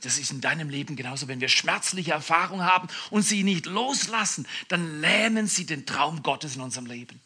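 Bright husky male preacher. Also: on the high side, brisk, hardly any pauses. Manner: animated, emphatic storytelling with asides. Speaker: pastor. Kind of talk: sermon.

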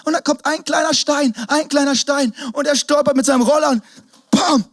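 A man preaching an energetic sermon, swinging between shouts and hushed asides. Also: extremely high pitch, moderate pace, dry recording. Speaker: pastor.

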